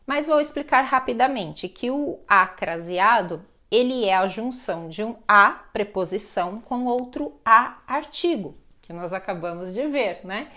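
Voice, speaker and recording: A woman's voice: mid-range voice, expressive, unhurried, few pauses, sharp tone. A woman teaching a grammar lesson online, explaining patiently and often checking in with "né?". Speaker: Portuguese teacher.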